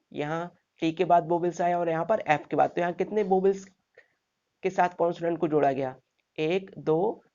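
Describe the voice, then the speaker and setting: A man's voice: on the high side, vocal fry, mellow, muffled recording. A man teaching a grammar lesson step by step, asking his class rhetorical questions and checking in with "okay" after each point.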